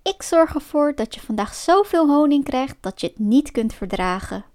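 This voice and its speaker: A woman's voice: high-pitched, lively intonation, moderate pace, music in the background. A woman voicing a cunning male fox in a storybook, sweet-talking and mocking under a show of friendliness. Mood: sly.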